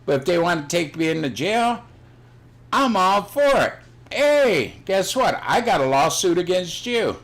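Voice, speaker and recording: A man's voice: high voice, big pitch swings, a little slow, fairly bright tone. An older man chatting casually on his own livestream, blunt and rambling, swearing freely. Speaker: livestream host. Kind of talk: casual chat.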